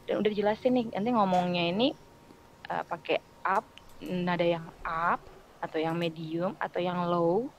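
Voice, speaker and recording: A woman's voice: fairly low pitch, moderate pace, dull audio, slight background noise. Chatty Indonesian woman voice-over artist. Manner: chatty, explains with lively spoken examples. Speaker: radio voice-over artist and announcer, guest. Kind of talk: casual podcast chat.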